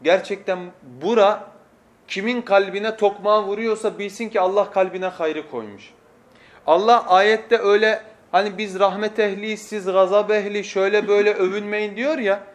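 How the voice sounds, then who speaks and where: A man with a high voice delivers a sermon-style lesson into a pulpit microphone. He moves from hushed, solemn passages to loud, emphatic oaths. He recites scripture in rapid bursts. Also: steady tone. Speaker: preacher teaching a lesson series. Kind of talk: sermon lecture.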